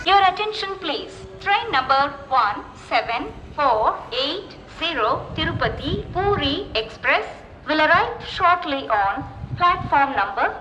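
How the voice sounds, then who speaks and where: A woman with an Indian accent makes train announcements over a station PA loudspeaker. Her voice is high and bright, and she paces each phrase slowly and evenly. A faint hiss sits under the sound. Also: poor audio. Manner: slow, measured, evenly repeated phrasing. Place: railway station.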